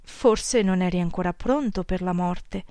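A woman voicing an older nun who speaks with calm, sparing courtesy. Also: on the low side, measured pace, no echo, clean studio sound.

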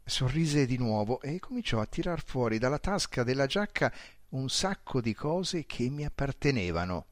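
Lively male storyteller, dry close sound. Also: medium pitch, normal speed, no echo. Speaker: audiobook narrator. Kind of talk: scripted first-person narration.

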